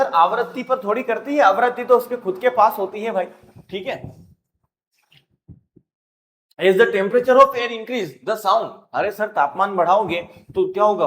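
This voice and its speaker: A man teaching a rapid-fire exam revision lesson, playful and animated, acting out sounds and student lines. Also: high voice, reverberant.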